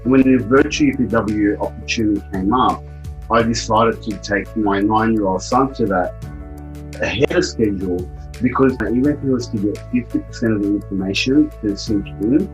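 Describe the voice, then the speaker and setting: A man's voice: on the low side, normal speed, soft background music, rough recording. A middle-aged man giving a heartfelt personal testimonial about a seminar, telling a family story earnestly. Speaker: event attendee giving a testimonial.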